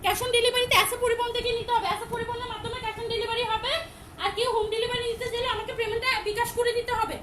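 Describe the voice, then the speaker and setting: Loud, high-voiced woman selling dresses live. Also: flat delivery, rapid-fire, background noise. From Chittagong, Bangladesh. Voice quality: loud, big voice. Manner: repetitive, emphatic, rattles off prices. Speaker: online clothing seller. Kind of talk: live-stream sales pitch.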